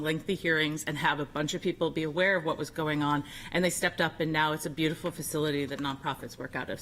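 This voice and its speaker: A woman serving on a city board explains background at a public meeting in a somewhat low voice. Her delivery is conversational and informal, with the easy asides of someone talking it through for colleagues. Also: a bit bright, a little hiss or hum, rough recording. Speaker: board member.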